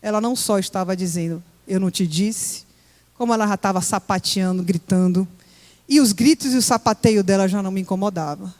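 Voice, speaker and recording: A woman's voice: medium pitch, a little fast, darkish tone. Emotional woman giving testimony. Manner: emotional, vivid storytelling. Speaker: church member giving testimony. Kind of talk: personal testimony to a congregation. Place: church hall. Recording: echoey church hall with long reverb.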